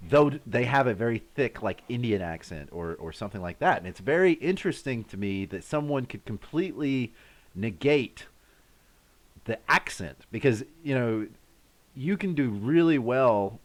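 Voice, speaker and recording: A man's voice: mid-range voice, expressive, moderate pace. An American man hosting a casual live stream, rambling and chatty, talking to viewers in the chat by name. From United States.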